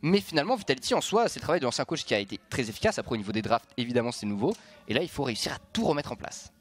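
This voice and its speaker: A man's voice: mid-range voice, big pitch swings. A man working as an esports caster, giving live match commentary and fluent technical analysis. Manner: esports caster delivery, fluent rapid-fire explaining.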